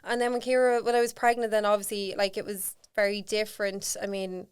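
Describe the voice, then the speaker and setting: A candid Irish woman talks as a podcast guest, her voice smooth and resonant. She tells personal stories frankly and chattily, peppering them with "like" and the odd curse. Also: mid-range voice, flat delivery, brisk. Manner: candid, frank storytelling with casual swearing; chatty, lots of fillers like "like". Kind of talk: casual conversation.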